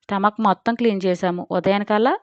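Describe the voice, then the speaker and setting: A woman playing a calm, reassuring doctor. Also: medium pitch, fast, no echo, close to an everyday voice. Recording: dry, slightly dull recording.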